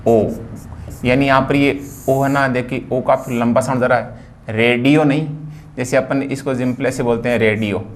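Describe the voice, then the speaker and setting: A man's voice: medium pitch, slight background noise. A man from India teaching a phonetics lesson, explaining patiently and spelling out words sound by sound. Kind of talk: phonetics lecture.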